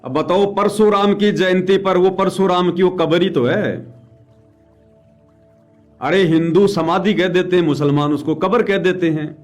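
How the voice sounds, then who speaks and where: A man's voice: high-pitched, measured pace, soft background music. A man giving live religious commentary, urgent and emphatic, repeating phrases for stress. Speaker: devotional live streamer.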